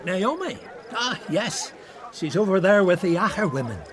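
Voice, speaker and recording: In a radio drama, a male actor voices a snobbish, mocking older man at a feast, chuckling with sneering amusement as he speaks. His voice is high with big pitch swings at a normal speed, and there's background noise.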